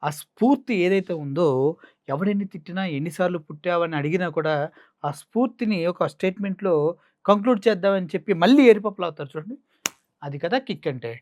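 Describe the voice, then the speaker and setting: A man's voice: high voice, lively intonation, fast talker, a little mellow, no room sound, clean studio sound. A man with a Coastal Andhra Telugu accent giving mocking, sarcastic political commentary. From Andhra Pradesh.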